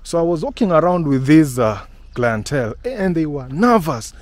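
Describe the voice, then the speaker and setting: Lively Kenyan man vlogging on a walk. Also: fairly high pitch, normal speed, no echo. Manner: lively, mixes English and Swahili, laughs often. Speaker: vlogger and house-hunting guide. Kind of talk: casual walking vlog. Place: outdoors on a residential street.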